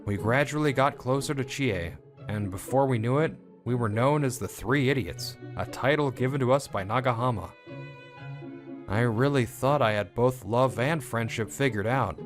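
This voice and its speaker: This scripted first-person narration comes from a young actor voicing a comic dub's lead, with music plainly running underneath. His mid-pitched voice conveys a reflective mood laced with hurt and bitterness, lightly acted at a normal speed.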